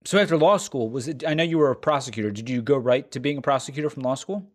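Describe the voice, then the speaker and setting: A man in his thirties hosting a podcast, asking questions in a chatty, teasing way with quick joking asides. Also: mid-range voice. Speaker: podcast host. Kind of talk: casual joking interview.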